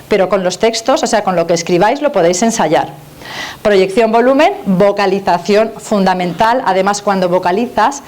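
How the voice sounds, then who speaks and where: Lively Spanish woman giving a talk. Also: medium pitch. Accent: Spanish from Spain. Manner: lively, conversational, addresses audience directly with tag questions. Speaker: communication trainer giving a masterclass. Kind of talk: live lecture to an audience.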